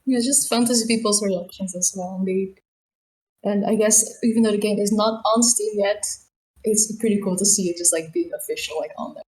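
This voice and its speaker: A young Dutch woman speaks easily and casually at a mid pitch. She sounds relaxed, adding small fillers as she goes. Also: brisk, rough recording. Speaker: character artist.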